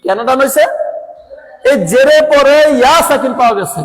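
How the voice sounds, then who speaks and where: A man's voice: very high-pitched, normal speed, long reverb tail, low-quality recording. A man teaching Quran reading, asking questions and answering them himself, repeating each point. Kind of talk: classroom-style lesson.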